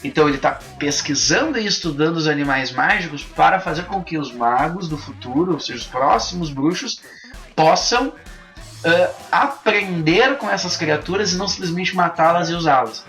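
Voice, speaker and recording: A man's voice: on the high side, lively intonation, moderate pace, fairly bright tone, soft background music. A man, hosting a casual film review chat and thinking aloud with frequent restarts. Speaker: podcast host.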